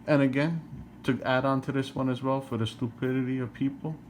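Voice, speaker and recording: A man's voice: medium pitch, steady tone, fairly quick, slight background noise. A middle-aged man from New Jersey ranting to camera, exasperated, firing rhetorical questions and repeating himself. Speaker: vlogger.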